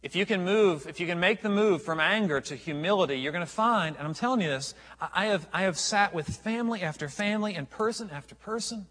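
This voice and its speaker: A man's voice: high-pitched, lively intonation, quick pace, hardly any pauses, sharp tone, long reverb tail. A man preaching a sermon as a pastor, earnest and emphatic, often restarting his phrases.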